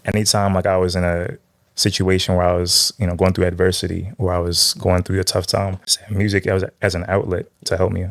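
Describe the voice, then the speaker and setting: Deep-voiced laid-back podcast host. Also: male voice, level tone, fairly quick, creaky. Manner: laid-back questions, brief affirmations. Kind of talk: casual interview.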